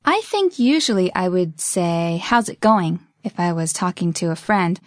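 A woman's voice: on the low side, big pitch swings, moderate pace, no room sound. Brief: female lesson co-host, easy conversational tone, dry close recording. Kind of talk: scripted lesson chat.

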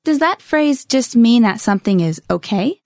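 A woman co-hosting a language lesson, chatting about phrases in a bright, conversational way. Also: on the high side, expressive, normal speed, no room sound, studio quality. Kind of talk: scripted lesson chat.

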